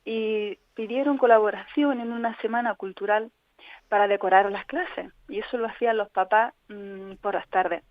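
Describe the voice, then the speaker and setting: A woman speaks as a radio interview guest, recounting her own experience in an earnest, reflective tone. Her voice sits at a middling pitch. It comes through a tinny, phone-like line with a dry sound and no room echo. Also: fairly even intonation, normal speed. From Spain. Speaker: interview guest, patient advocate. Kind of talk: personal account in a radio interview.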